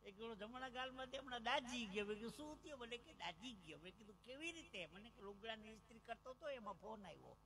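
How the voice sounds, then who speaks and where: Speaking fast in a high voice, this man barely pauses at all. On an outdoor village stage with a PA system, he works as a folk comedian with a Gujarati accent, spinning animated jokes and stories and imitating the voices of his characters.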